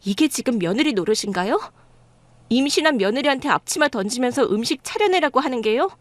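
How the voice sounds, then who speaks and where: A defiant young pregnant bride in an audio drama, voiced by a woman. She speaks firmly and indignantly in a high, lively voice. The recording is dry and close. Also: brisk, no room sound. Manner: firm, indignant. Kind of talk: dramatized story dialogue.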